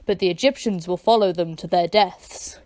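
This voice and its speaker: A woman's voice: fairly low pitch, moderate pace, darkish tone, dry recording, pitched below the performer's own voice, lightly acted. A woman voicing God with a solemn, grave delivery in a children's Bible story.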